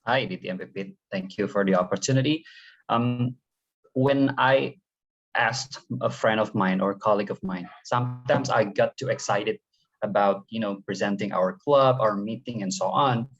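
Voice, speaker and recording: Man, lowish voice, hesitant question, restarts, muffled call audio. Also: moderate pace. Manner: hesitant, restarts his sentences. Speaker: participant asking a question.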